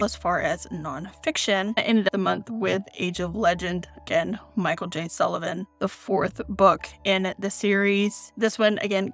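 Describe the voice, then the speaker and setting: An American woman in her forties chats through her book reviews in an expressive, conversational way. Her voice sits at a middle pitch. Faint music plays softly underneath. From United States, raised in Kenya. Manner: chatty, expressive, reads from her notes. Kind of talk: casual book review vlog.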